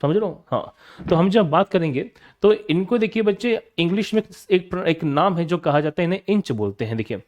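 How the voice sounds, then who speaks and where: A man's voice: high-pitched, expressive, brisk, highs cut off. A young adult man giving a science lecture to students, repeating each question and answering it himself, calling the students "beta". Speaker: teacher. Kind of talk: classroom lecture.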